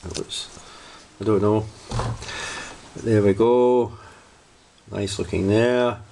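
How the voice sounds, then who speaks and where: Low-voiced man rambling through a toy review. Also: fairly even intonation, takes it slowly, vocal fry, warm tone. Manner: rambling, hesitant, repeats himself. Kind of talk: casual unscripted review.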